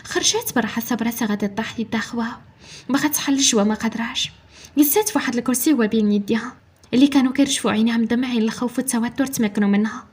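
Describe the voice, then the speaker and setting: A woman with a Moroccan accent narrating a dramatic story in rapid storytelling style. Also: on the high side, a little mellow, slightly rough.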